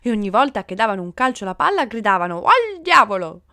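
A woman reading a children's story aloud in an expressive storybook manner. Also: very fast, no room sound, studio quality. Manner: lively, voices the passengers' shouts with big jumps in pitch.

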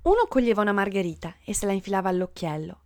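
A woman reading a children's story aloud in an expressive storybook manner. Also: rapid-fire, no echo, studio quality. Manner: lively, voices the passengers' shouts with big jumps in pitch.

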